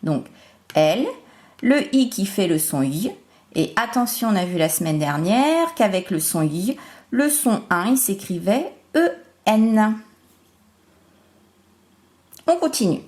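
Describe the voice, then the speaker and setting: A female primary teacher gives a remote phonics lesson at an unhurried pace, her pitch lively and animated. She delivers letter by letter, slowly and deliberately spelling out syllables and sounds.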